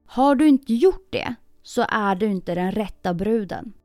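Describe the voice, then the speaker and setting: A woman's voice: mid-range voice, expressive, warm tone, no room sound, clean studio sound, soft background music, lightly acted. A woman voicing an earnest young king's son in a storybook reading, asking probing questions. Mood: questioning.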